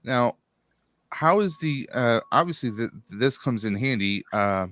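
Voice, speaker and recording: A man playing a tabletop game, talking in character as a customer, halting and rambling, with many fillers. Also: mid-range voice, animated, fairly bright tone, no room sound. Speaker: player. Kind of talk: in-character roleplay.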